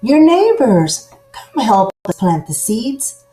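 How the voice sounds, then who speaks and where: Woman playing eager storybook villager, high raised pitch, calling out, insistent, urging. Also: expressive, a little slow, slight background noise. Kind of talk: children's storybook character voice.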